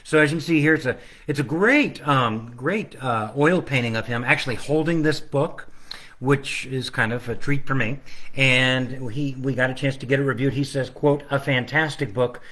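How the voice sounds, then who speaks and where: A man reads his own picture book aloud during a casual livestreamed storytime from his living room at home. Speaking at normal speed in a medium-pitched, bright and forceful voice, the children's author keeps breaking off for chatty, rambling, playful remarks to listeners.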